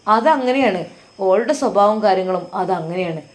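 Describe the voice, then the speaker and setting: A heartbroken young man in a storybook, quiet and despairing, with his voice kept low and subdued, as a woman narrator puts him on. He has a Malabar accent and sounds soft and withdrawn. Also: expressive, moderate pace, close to an everyday voice. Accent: Malabar Malayalam.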